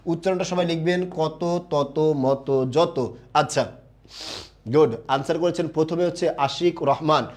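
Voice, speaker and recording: A young man teaching a live online class in a fairly high voice. He poses a question, answers it himself right away, and reads viewers' comments aloud. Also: unhurried, a little mellow.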